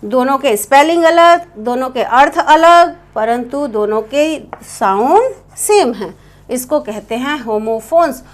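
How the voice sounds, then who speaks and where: Slow, high-voiced woman teaching. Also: expressive. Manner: slow, repetitive explaining, spelling words letter by letter. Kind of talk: classroom grammar lesson.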